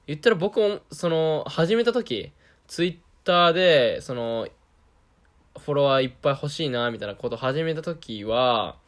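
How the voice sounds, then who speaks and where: A young man with a Kansai Japanese accent, talking in a casual, self-deprecating monologue and laughing often. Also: mid-range voice.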